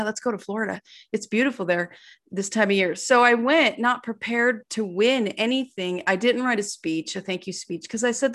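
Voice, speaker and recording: Middle-aged woman, interview guest, mid-pitched, lively and self-deprecating, slips into voices for the people in her stories. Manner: animated, self-deprecating storyteller who acts out quoted dialogue. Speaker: author guest. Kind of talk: casual interview storytelling.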